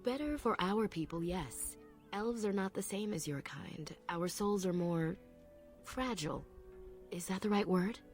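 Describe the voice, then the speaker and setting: An actress playing a calm, proud elf apprentice who speaks in a measured, reflective way with a low husky voice, from a game. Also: female voice, faint music behind, natural voice. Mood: solemn.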